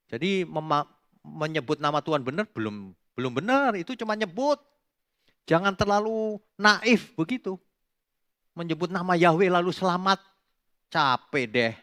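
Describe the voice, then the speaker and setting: A middle-aged Indonesian pastor preaching with a bright, forceful voice that rises and falls sharply. He scolds and teases with rhetorical questions, jumping from quiet asides to loud emphatic peaks. His delivery stays emphatic and mocking. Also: a little high. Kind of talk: sermon.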